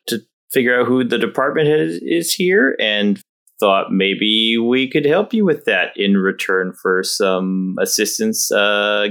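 A man takes part in casual tabletop role-play. His mid-range voice has clear creak in it. He improvises haltingly and sounds laid-back. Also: mid-range voice, a bit bright. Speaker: tabletop game player.

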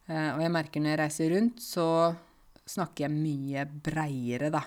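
Woman from rural Norway, language teacher for learners; deep voice, careful and clear with filler sounds. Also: fairly even intonation, darkish tone.

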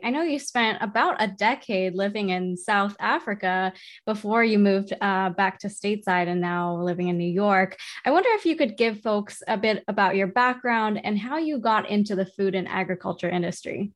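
A woman's voice: medium pitch, expressive, normal speed. A woman hosting a podcast, giving an upbeat, conversational introduction and interviewing a guest. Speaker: podcast host.

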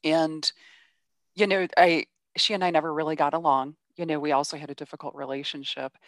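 A woman's voice: sits low, fairly even intonation, fairly quick, dry recording, clean studio sound. A woman in her fifties hosting a podcast, telling family stories candidly in casual conversation. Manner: candid, storytelling, filler-heavy. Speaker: podcast host.

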